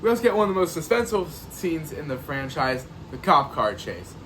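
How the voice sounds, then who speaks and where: A man's voice: a little high, fairly quick, a little hiss or hum. A man hosting a podcast, reviewing a horror sequel on his own in a sarcastic, joking way and acting out audience reactions. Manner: animated and sarcastic, doing mock audience reactions. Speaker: podcast host. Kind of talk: solo movie review.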